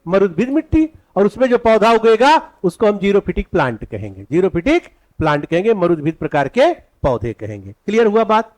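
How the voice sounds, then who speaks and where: Male tutor, high and expressive, dictating exam notes to a class with plenty of questions and repetition. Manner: asks the class questions and answers them himself, repeats points slowly for notes. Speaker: teacher. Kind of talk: exam-prep lecture with dictation.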